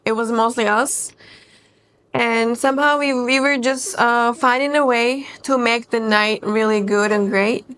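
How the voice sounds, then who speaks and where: A young woman in her twenties, a guest in a casual interview, speaking hesitantly with pauses and restarts. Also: fairly high pitch, steady tone, a bit bright. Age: 20s. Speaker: guest, former team member.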